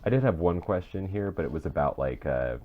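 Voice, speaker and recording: He talks a little fast in a low-pitched, animated way, co-hosting a podcast as an audio drama creator. The chat is casual, full of rambling and frequent rephrasing. A dull, muffled mic with clear noise captures him.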